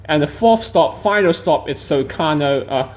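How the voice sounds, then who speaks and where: A man's voice: on the high side, lively intonation, normal speed. A man from Hong Kong narrating a travel vlog outdoors near a train station, hesitant, with many ums and uhs. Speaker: travel vlogger.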